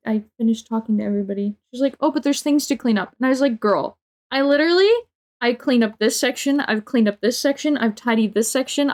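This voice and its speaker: Exasperated young woman ranting casually. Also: a little high. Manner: exasperated, profane, heavy on filler words. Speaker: livestreamer. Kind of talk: casual storytelling rant.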